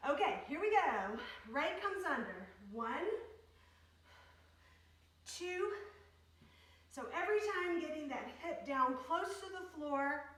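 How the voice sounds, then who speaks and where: Woman workout instructor, slow step by step cues n rep counts, super echoey, kinda far from the mic. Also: high-pitched, animated, a bit bright. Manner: instructional, step-by-step cueing in short phrases. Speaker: fitness instructor leading a home workout. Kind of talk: exercise class coaching with counted reps. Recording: very echoey room, distant microphone.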